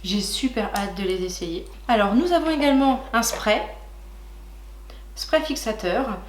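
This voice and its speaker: A young woman chatting warmly to her viewers while unboxing makeup, gushing and filling pauses with little hesitations. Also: a little high, roomy sound, slight background noise. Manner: chatty and gushing, many fillers, talks to viewers as "licornes". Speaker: beauty vlogger. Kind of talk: casual makeup haul chat.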